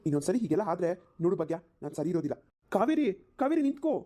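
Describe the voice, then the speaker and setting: Woman doing a rapid-fire flustered cartoon husband, dry close sound, pleading. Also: on the low side, sing-song, mellow, no echo. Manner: pleading, exasperated. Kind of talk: cartoon voice acting.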